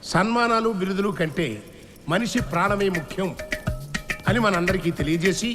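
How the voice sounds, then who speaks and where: An actor playing a speaker giving a slow, formal tribute at a ceremony. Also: male voice, high-pitched, natural voice. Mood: ceremonious. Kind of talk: film comedy acting. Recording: film soundtrack with loud music.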